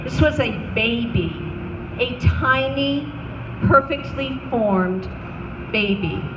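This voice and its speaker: Echoey distant recording, woman, higher-pitched voice, solemn deliberate delivery, prepared speech. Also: dull audio. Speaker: public speaker, anti-abortion counselor. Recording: roomy, distant mic, noisy ambience.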